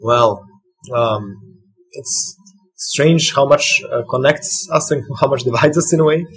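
A man's voice: mid-range voice, unhurried, fairly bright tone, breathy edge, low-quality recording. A young man from Serbia with a Serbian accent, explaining things conversationally as a podcast guest in hesitant, pieced-together phrases. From Belgrade, Serbia. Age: young adult. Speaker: podcast guest, graduate student.

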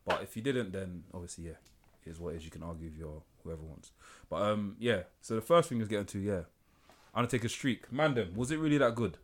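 A man's voice: fairly low pitch, fast talker, slight background noise. A man with a slangy London roadman accent, hosting a casual podcast chat. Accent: London, urban roadman. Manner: slangy, street-style talk. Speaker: podcast host.

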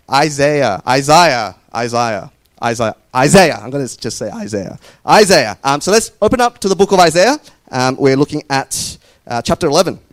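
A man's voice: on the high side, no room sound. A man with occasional New Zealand inflections gives a casual, hesitant sermon introduction full of fillers, then reads scripture aloud at a church service. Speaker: preacher.

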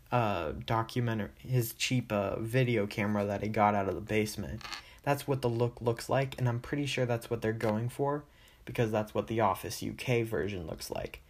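Man, podcast host, casual recap, chatty and loose, lots of filler words. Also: mid-range voice.

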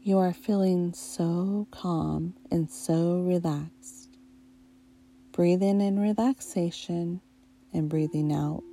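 A woman leads a guided relaxation like a slow hypnotist. Her voice is soft, very mellow and a little low. She speaks in short, unhurried phrases with long pauses, over faint music. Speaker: guided meditation narrator.

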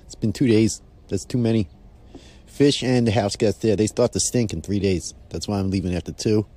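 Dude doing a homespun guy talking to his phone, low mellow voice, down on his luck. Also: natural voice. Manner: folksy, homespun sayings, keeps tagging "there". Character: folksy down-on-his-luck husband, man. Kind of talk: casual phone podcast monologue.

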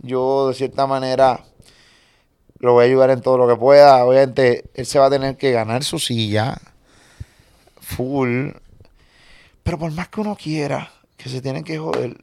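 A man's voice: medium pitch, fairly even intonation, normal speed, long pauses, darkish tone, clean tone, dry recording. A man talking candidly and slangily about his teenage son in a casual interview chat.

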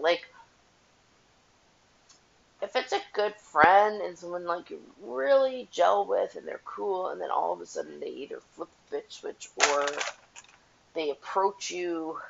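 A woman's voice: lowish voice, gravelly. Tinny, metallic woman podcast host. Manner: blunt and profane, frank opinions. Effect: tinny, metallic tin-can sound. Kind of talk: casual solo podcast chat. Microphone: headphones with mic. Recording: dull tin-can sound with faint dish clatter.

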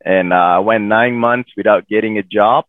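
A man from Malaysia speaks as a podcast guest, loose and easygoing, with plenty of fillers. His voice sits very low. The sound is thin and boxy, like a phone call with no room around it. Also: moderate pace, dry recording. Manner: relaxed, with many fillers. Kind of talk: casual interview storytelling. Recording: dry tinny phone-like line.

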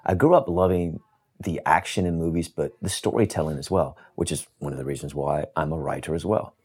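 A man with a very low, husky voice chats as a podcast guest. He picks formal words and puts a crisp stress on his T sounds. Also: fairly quick, a little mellow. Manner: crisp stress on T's, formal word choice. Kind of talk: casual chat.

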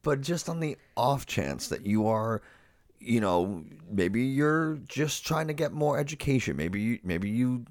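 A man's voice: medium pitch, lively intonation, a little slow, dry recording, clean studio sound. A man from the United States co-hosting a casual podcast, explaining things with joking, sarcastic asides. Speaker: podcast co-host.

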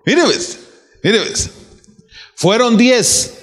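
A man's voice: extremely high pitch, animated, extremely slow, in a large hall, faint music behind. A man preaching a sermon, asking his listeners questions and restarting his phrases as he builds his point.

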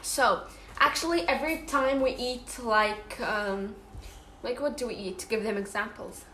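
Young woman vlogger, slightly high voice, chatty with lots of fillers, roomy echo. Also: unhurried, pushed and bright, slight background noise. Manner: chatty, full of fillers and restarts. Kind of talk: casual chat while eating.

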